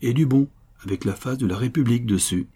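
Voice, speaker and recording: A man voicing a gruff, nosy innkeeper who talks in a mocking, rough manner. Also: mid-range voice, fairly quick, warm tone, pitched above the performer's own voice.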